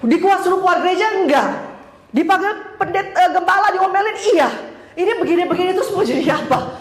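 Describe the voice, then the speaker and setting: A woman teaching a church class, telling personal stories in a lively, self-mocking way and laughing often. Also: very high voice, a little fast, echoey room. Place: church hall.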